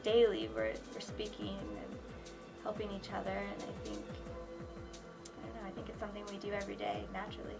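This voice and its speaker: Gravelly-voiced young woman student. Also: medium pitch, brisk, loud music behind the voice, low-quality recording. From Minnesota. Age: young adult. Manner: relaxed, many fillers. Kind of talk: documentary interview.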